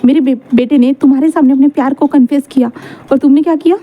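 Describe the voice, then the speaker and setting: A woman's voice: sits high, steady tone, fast talker, narrow, tinny audio, close to an everyday voice. A woman voicing a stern, protective middle-aged mother who scolds her son's suitor. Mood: angry scolding. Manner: scolding, sharp questioning.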